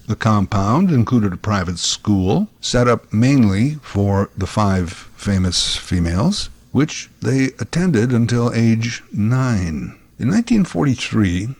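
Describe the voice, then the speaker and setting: A man's voice: fairly low pitch, sing-song, slow, hardly any pauses, a little mellow, no echo. A man giving scripted documentary narration in a conversational way, recorded on a close microphone.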